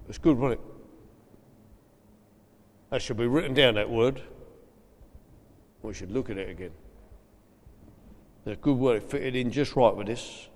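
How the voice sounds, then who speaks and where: A man's voice: medium pitch, darkish tone. A man with a South East London accent preaching a chatty, emphatic sermon and often repeating his phrases. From England. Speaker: pastor. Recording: long reverb of a hall.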